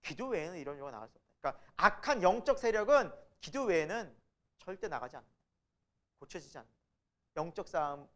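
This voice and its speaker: A preacher giving a Bible lecture in a church, asking the congregation questions and answering them, and acting out the people quoted. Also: mid-range voice. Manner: acts out the quoted speakers in lively voices. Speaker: preacher teaching a Bible class.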